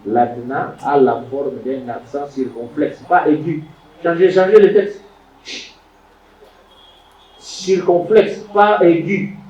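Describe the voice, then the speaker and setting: Here the lecturer's voice is fairly high yet darkish, with a steady tone, a slow pace and long pauses. He teaches biblical Hebrew grammar, repeating words and quizzing students, in a roomy, distant, dull lo-fi classroom recording.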